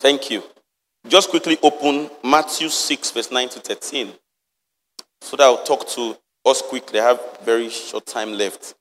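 A man's voice: medium pitch, measured pace, a bit bright, long reverb tail, slight background noise. A man preaching a sermon, reading verses and firing rhetorical questions at the congregation. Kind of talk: lively sermon with Bible reading.

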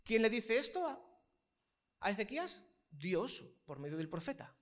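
High-voiced, emphatic male preacher. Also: very animated, normal speed, fairly bright tone. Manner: emphatic, repeats phrases, asks the congregation rhetorical questions. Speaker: pastor. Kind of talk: sermon.

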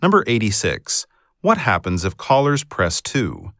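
A male test narrator reads scripted questions formally, with careful enunciation. His fairly low voice has strongly varied intonation, and the recording is dry and close. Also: huge pitch swings, measured pace, a bit bright, dry recording.

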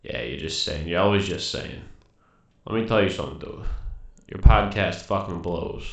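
A man's voice: sits low, moderate pace. A man playing a surly Boston-accented robot. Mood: irritated. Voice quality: gravelly, swearing, drops his R's. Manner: irritable and blunt. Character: crude surly male humanoid robot from Boston, beer-drinking and touchy. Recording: echoey muffled room recording.

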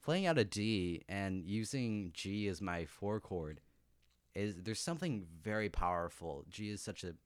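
A man with a very low voice talks music theory in a relaxed podcast chat, thinking out loud and restarting his sentences. The recording is dry and close, with no room sound. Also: a little slow, clear, resonant tone, no echo. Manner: musing, restarts often while explaining chords. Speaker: podcast co-host. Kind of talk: casual chat.

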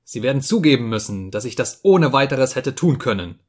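A man doing a touchy, shouting young clerk. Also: mid-range voice, a little slow. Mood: curt. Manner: sharp, raised, agitated delivery. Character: irritable, touchy young male clerk, easily offended.

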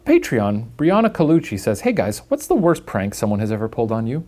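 A man's voice: medium pitch, wildly swooping pitch, brisk, mellow. Young guy cohosting a chat show, jokey and playful, voice swings way up and down all over. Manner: playful, laughs often, jokey asides. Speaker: co-host. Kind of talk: casual chat.

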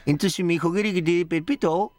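A man's voice: high-pitched, very fast, a little mellow, no echo, natural voice. A man playing a drunk, foul-mouthed old petty thief with an Argentine accent, rambling and hurling insults on a radio comedy show. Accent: Argentine Spanish. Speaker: comic character on a radio show.

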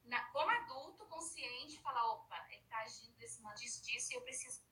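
High-voiced woman educator, bright tone, heard from off-mic. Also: lively intonation, fairly quick, distant mic, rough recording. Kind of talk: casual conversation. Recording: voice a bit off-mic.

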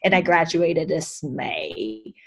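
A young woman from China, a guest in an interview, talking earnestly and a little hesitantly, with many pauses and restarts. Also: low-pitched, big pitch swings, gravelly. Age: young adult. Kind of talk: casual interview.

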